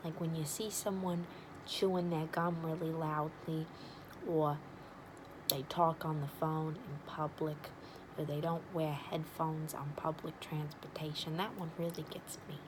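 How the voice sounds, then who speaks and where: A woman's voice: low voice, level tone, a little slow, noisy background. A woman playing a blunt, nosy, wisecracking matchmaker in an ASMR role-play, with an overdone regional accent and teasing sales patter. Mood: probing, encouraging.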